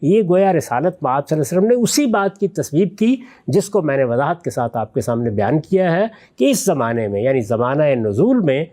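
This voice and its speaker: Lively-voiced male scholar explaining methodically. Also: fairly high pitch. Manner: measured, methodical teaching with worked examples; recites scripture verses slowly and deliberately. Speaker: religious scholar. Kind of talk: explanatory discussion answering questions.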